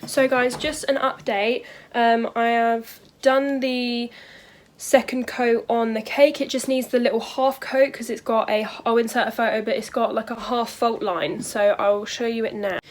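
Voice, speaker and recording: A woman's voice: on the high side, steady tone, unhurried. A young woman giving a casual, chatty vlog walkthrough of her home kitchen on a handheld camera, with lots of ums. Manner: chatty, filler-heavy, showing things as she goes. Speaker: home baker and vlogger.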